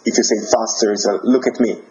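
A young man from Italy speaks English with an Italian accent, friendly and laughing easily as he hunts for the right words. His tone is soft and mellow. The sound comes through somewhat dull and lo-fi, like audio on a remote call. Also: lowish voice, steady tone, quick pace. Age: 20s. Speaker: guest musician. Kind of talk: casual interview.

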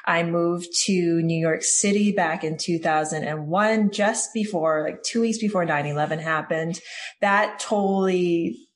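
Woman, 40s, from Hawaii, a podcast guest with a slightly low, warm voice, storytelling style. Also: measured pace. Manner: warm, storytelling, with fillers and self-corrections. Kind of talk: interview answers.

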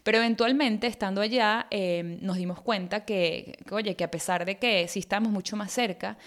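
A woman's voice: medium pitch, normal speed. A woman in her thirties from Venezuela with a Venezuelan accent, hosting her podcast and telling her own story in a chatty way, with many fillers and restarts. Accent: Venezuelan Spanish. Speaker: podcast host. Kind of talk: casual personal monologue.

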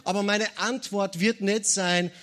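A man preaching a sermon, lively and jokey, often breaking into calls of praise. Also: sits high, unhurried.

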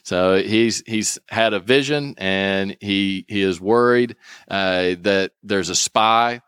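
A man's voice: lowish voice, slow, fairly bright tone, clean tone, no echo, studio quality. A man casually retelling Bible stories as a lesson, hesitant, with many ums and restarts. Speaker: Bible study teacher.

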